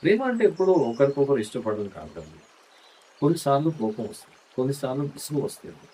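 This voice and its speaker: A man's voice: medium pitch, big pitch swings, fast talker, mellow, slight background noise. A middle-aged man delivering a scripted, heartfelt monologue as a husband speaking tenderly and intimately to his wife. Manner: tender, intimate, coaxing tone addressed to a spouse.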